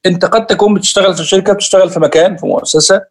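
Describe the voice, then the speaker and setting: A man with an Egyptian Arabic accent gives a screen-share computer lesson, explaining every step and speaking directly to his students. His voice is high and rapid-fire, with fairly even intonation.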